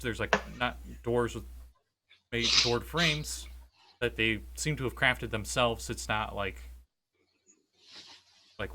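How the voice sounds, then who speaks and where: A man speaking as game master, narrating a tabletop role-playing game in an informal, halting way. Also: on the low side, sharp tone, a little hiss or hum.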